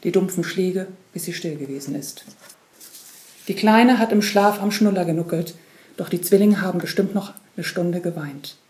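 A woman narrating a literary story in a quiet, measured way. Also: lowish voice. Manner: quiet, measured second-person telling. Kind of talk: literary reading.

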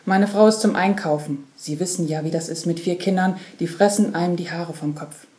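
A woman's voice: lowish voice, a little fast, a little mellow, lightly acted. A woman voicing a coarse middle-aged father who brushes things off with a glib, falsely jovial manner. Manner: glib, dismissive, jovial front.

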